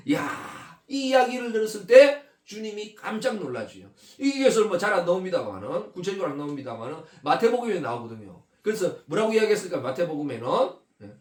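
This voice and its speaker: A male pastor preaching a sermon, full of rhetorical questions and frequent checks with the congregation. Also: high-pitched. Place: church sanctuary. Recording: echoey church hall, mic at a distance.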